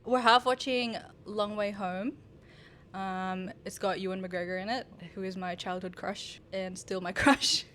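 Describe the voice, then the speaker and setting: A twenty-nine-year-old woman, a guest on a podcast, chatting casually and softly, often trailing off. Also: medium pitch, fairly even intonation, a little slow, slight background noise. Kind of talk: casual chat.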